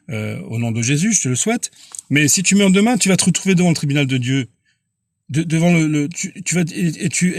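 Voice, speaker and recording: A man preaching on a live stream in a casual, earnest way. His voice sits a little high, and he stumbles and repeats words as he presses his point. The sound is dry and close, with no room around it. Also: slightly rough, no echo.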